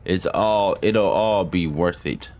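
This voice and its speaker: A sinister captor, voiced by a man, gloats in a low, creepy register. He lets out sly, leering giggles. This is a game story read aloud. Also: slow pace, a little mellow. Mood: gloating.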